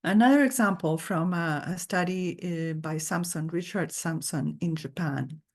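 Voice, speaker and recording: A woman's voice: fairly low pitch, measured pace, a little mellow. A woman guest lecturer giving an earnest, thoughtful academic talk over a video call.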